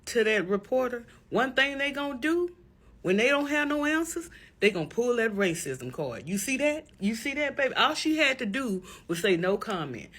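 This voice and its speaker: A woman's voice: fairly high pitch, very animated, normal speed, fairly bright tone. A woman commenting in a casual reaction video, emphatic and preachy, calling viewers baby.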